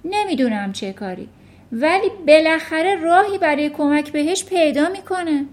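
A gentle young schoolteacher, polite and pleading, as a woman storyteller voices her. The voice is high and soft-spoken, close to the reader's own. It belongs to a children's storybook read aloud. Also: animated.

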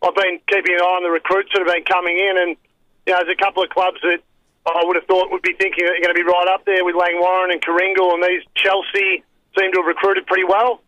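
A man's voice: high-pitched, completely flat delivery, fast, sharp tone, dry recording. An easygoing Australian man chatting casually as a guest on a radio phone call. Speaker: phone-in guest, restaurant operator. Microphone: telephone.

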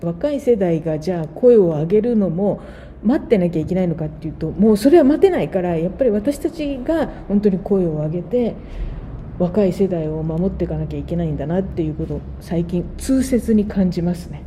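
A woman's voice: lowish voice, lively intonation, a little fast, mellow, slight background noise. A woman in her sixties interviewing a guest, speaking earnestly and reflectively and building each point with repeated emphasis.

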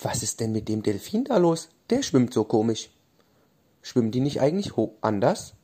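Man voicing a soft little storybook fairy, kind, lilting voice, lullaby manner. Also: mid-range voice, sing-song, normal speed. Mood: puzzled. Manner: gentle, soothing.

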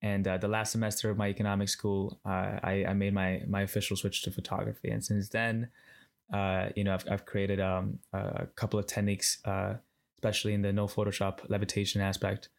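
A man's voice: lowish voice, monotone, fairly quick, vocal fry. A man from Ecuador in his thirties, a podcast guest chatting casually, full of fillers and restarts. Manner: hesitant, many fillers and restarts. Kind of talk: casual interview chat.

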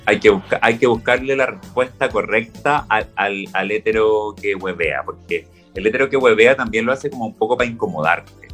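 A man's voice: fairly low pitch, normal speed, soft background music. A young Chilean man chatting casually, telling stories and acting out what people said. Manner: relaxed storytelling, acts out quoted lines. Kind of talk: casual chat.

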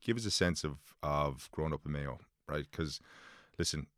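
A man's voice: rumbling low, normal speed, dry recording, studio quality. A man interviewing a guest in a casual, chatty way, checking in with little question tags. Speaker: podcast interviewer.

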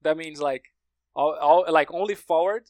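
A Brazilian man, a native Portuguese speaker and language learner appearing on a podcast, chats casually and tells stories in a Brazilian accent, sprinkling in plenty of "like" and "you know." His voice sits on the high side at a normal speed, with no room sound.

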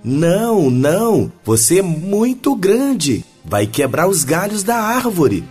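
A man voicing a fussy little male monkey in a children's story, refusing slowly and dismissively. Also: high voice, very animated, darkish tone, slightly rough, faint music behind, voice pushed up, exaggerated voice.

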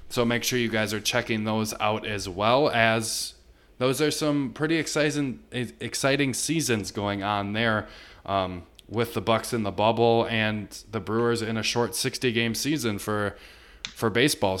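A man's voice: on the low side, fairly bright tone, smooth. A man hosting a casual sports podcast. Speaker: podcast host.

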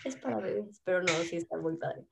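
A woman's voice: fairly low pitch, expressive, a little fast, vocal fry, a little mellow, a little hiss or hum. A young woman with a Mexican accent, chatting casually and telling family anecdotes, acting out the voices of people she quotes. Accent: Mexican Spanish. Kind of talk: casual chat.

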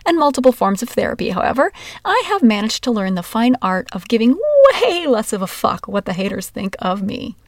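A woman's voice: medium pitch, creaky, no room sound, studio quality. Wry woman telling her own story. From Washington, USA. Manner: wry, candid, expressive. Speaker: memoir narrator. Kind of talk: first-person storytelling.

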